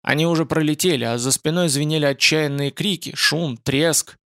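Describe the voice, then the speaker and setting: A man narrating a fantasy novel as an audiobook in steady storytelling. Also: on the high side, normal speed, clean tone, no room sound, clean studio sound.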